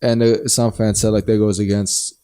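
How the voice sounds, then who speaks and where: A man's voice: on the low side, level tone, normal speed, mellow, clear, resonant tone. A man with a northern German accent, co-hosting a casual podcast chat and rambling through his points with lots of fillers and restarts. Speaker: podcast co-host.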